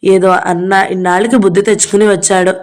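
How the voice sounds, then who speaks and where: A woman voicing an older mother who pleads in a hushed voice to keep the peace in the family. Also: medium pitch, flat delivery, fairly quick, close to an everyday voice. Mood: pleading.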